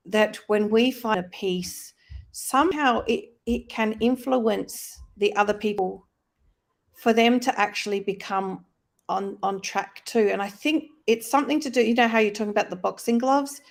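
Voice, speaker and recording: A woman's voice: medium pitch, moderate pace, vocal fry. Reflective woman explaining in a live talk. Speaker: co-host of a live faith-based wellness discussion. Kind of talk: conversational teaching, live online talk. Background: plane passing loudly overhead.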